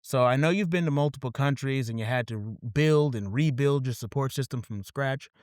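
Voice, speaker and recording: A man's voice: mid-range voice, brisk, a little mellow, clean tone, dry recording, studio quality. A man hosting a podcast, reading a scripted opening and then chatting casually, often repeating "absolutely". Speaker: podcast host.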